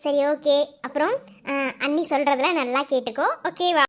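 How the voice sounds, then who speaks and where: Woman doing very high, squeaky cartoon voices. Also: moderate pace. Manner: teasing, scolding, bantering between several women. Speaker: cartoon channel creator voicing all characters. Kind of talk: acted cartoon dialogue.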